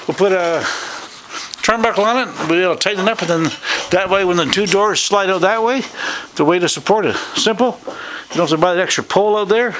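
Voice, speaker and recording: A middle-aged man, chatty and folksy, jokes while narrating his own building work at an outdoor hangar, recorded on the camera he holds. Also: a little high. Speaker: hobby pilot building hangar doors. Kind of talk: casual how-to narration while working. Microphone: handheld or head camera mic. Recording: noisy outdoor camera audio.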